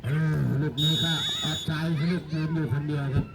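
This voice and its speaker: With heavy background noise and a roaring crowd at the pitch, a man from Thailand offers chatty commentary on a local football match and jokes with bystanders. He speaks a little fast, keeping his tone level.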